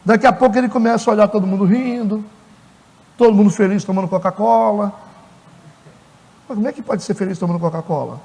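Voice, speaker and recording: A man's voice: sits high, fast talker, gravelly, pauses often, a little mellow, big-room sound. A man with a Brazilian accent preaching a conversational sermon as pastor. He talks animatedly and acts out little dialogues with different people. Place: church.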